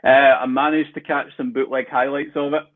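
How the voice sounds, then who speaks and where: A Glasgow man from Scotland, a football fan, chats casually as a podcast guest, easygoing and full of fillers and light laughs. His medium-pitched voice stays fairly flat and moves a little fast. The call audio sounds tinny, like a phone line.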